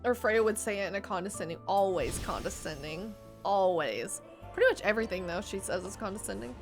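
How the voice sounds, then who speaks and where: A woman's voice: medium pitch, rapid-fire. A woman livestreaming a video game, chatting casually with viewers, swearing freely and laughing often. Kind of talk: casual gameplay chat. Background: game music.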